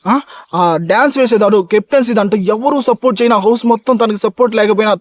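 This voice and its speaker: A man delivers a reality-show review at a rapid clip, his voice sitting high. He is emphatic and keeps hammering his points home to the audience. The sound is close and dry. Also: no echo. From India. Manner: emphatic, talks straight to fans, repeats points. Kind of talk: fast opinionated review monologue.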